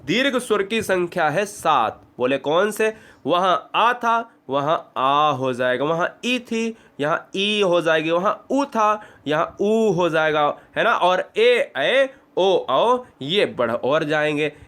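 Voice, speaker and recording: A male teacher giving an exam-prep lesson, drilling students with quick questions and repeated vowel sounds. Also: fairly high pitch, lively intonation, a bit bright.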